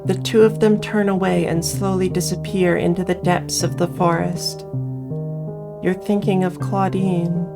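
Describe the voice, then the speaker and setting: A woman playing a visual novel voices its text and throws in relaxed commentary. Game music sits behind her lowish, creaky voice, which is flat and measured in pace.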